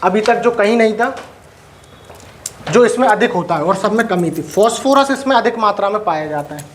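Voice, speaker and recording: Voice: mid-range voice, expressive, normal speed, a little hiss or hum. A teacher giving a live classroom lecture, dictating notes and regularly asking the students questions and whether they have doubts. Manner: quizzes students and checks for doubts.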